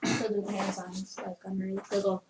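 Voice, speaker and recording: A woman's voice: mid-range voice, completely flat delivery, moderate pace. A woman taking part in a tabletop game, making casual table talk as a player. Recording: echoey room, clearly noisy.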